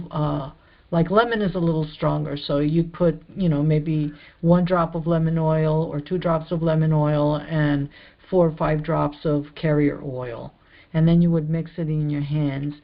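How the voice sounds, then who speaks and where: A woman's voice: fairly low pitch, lo-fi sound. A woman teaching about healing in a casual, rambling, explanatory way with many fillers.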